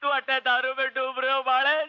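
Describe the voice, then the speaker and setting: An actor playing a crafty, scheming uncle who urges and connives. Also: male voice, very high-pitched, monotone, brisk, smooth. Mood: conniving. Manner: urging, conniving. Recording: dull old film soundtrack.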